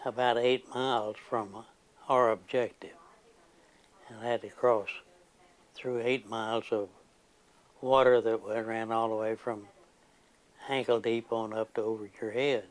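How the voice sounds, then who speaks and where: A man, a war veteran telling a rambling grandpa story in a halting way with pauses and restarts. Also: on the low side, fairly even intonation, low-quality recording. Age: 90s. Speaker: war veteran recounting his service.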